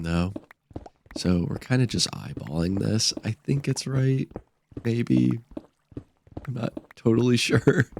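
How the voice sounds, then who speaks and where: Deep, congested man with a stuffy nose. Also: creaky, a little mellow, a little hiss or hum. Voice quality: stuffy nasal sound. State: congested blocked nose from a cold. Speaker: gaming video host. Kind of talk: casual gameplay commentary.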